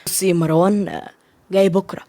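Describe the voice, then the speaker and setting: A woman with an Egyptian Arabic accent voicing a protective, loyal young man, steady and reassuring. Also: on the low side, quick pace, dry recording. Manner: steady, reassuring, provoking on the phone.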